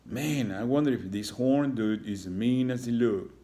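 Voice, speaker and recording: A man's voice: mid-range voice, normal speed, warm tone, natural voice. Storybook turtle kid, surfer drawl, laid-back, read by a man.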